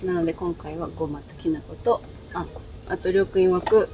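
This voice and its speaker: Young woman, slightly low voice, chatty food vlogger, faint background noise. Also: steady tone, brisk, dark tone. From Miyazaki, Japan. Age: 20s. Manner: chatty, enthusiastic. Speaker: travel vlogger. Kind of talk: casual food review chat.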